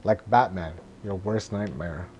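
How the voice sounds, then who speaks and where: Male reader as cocky small dragon, low mellow voice, flat droning read. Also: a little slow, lo-fi sound, slight background noise. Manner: flat, droning script reading.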